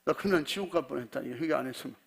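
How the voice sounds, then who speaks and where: Gravelly-voiced older pastor telling a story. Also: male voice, fairly high pitch, racing. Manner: folksy storytelling, acts out quoted dialogue, frequent throat clearing. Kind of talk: sermon with personal story.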